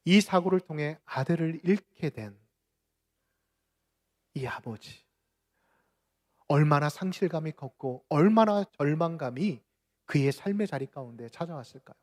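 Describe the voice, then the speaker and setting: Korean pastor preaching with dramatic swings. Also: male voice, a little high. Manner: dramatic preaching, rising to loud outcries and dropping to near-whispers. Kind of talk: sermon. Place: church sanctuary.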